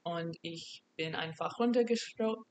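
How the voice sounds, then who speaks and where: A woman's voice: fairly low pitch, a little slow, a little mellow. Young American woman speaking learner's German. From United States. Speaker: podcast guest. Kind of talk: casual interview answers.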